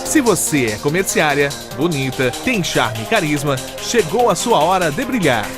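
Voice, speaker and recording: A male announcer reading a commercial voice-over in an energetic, promotional manner. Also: a little high, moderate pace. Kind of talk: radio-style ad voice-over. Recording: loud electronic music behind. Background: loud electronic music.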